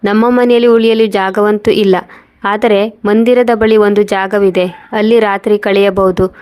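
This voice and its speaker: A woman's voice: medium pitch, level tone, unhurried, darkish tone, natural voice. A woman reading a concerned old friend. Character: kind old female friend.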